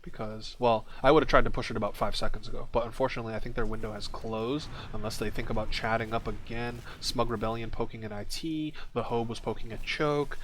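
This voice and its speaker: A man casting a live video game match play-by-play, quick and relaxed, with small jokes. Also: medium pitch, a little hiss or hum. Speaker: esports play-by-play caster. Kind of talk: casual live game commentary.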